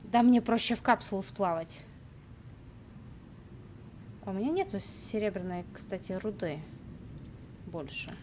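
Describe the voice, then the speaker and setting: A woman's voice: medium pitch, measured pace, pauses often, darkish tone, slight background noise. A young adult woman giving casual, playful live gaming commentary, half talking to herself and repeating words. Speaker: game streamer. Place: indoor room at a computer.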